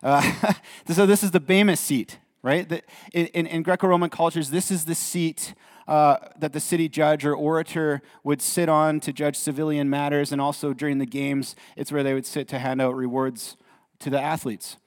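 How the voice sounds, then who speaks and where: A man's voice: a little high, little pitch movement, moderate pace. A man preaching a sermon as a pastor, earnest, often repeating words as he goes. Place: church hall. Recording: reverberant church hall.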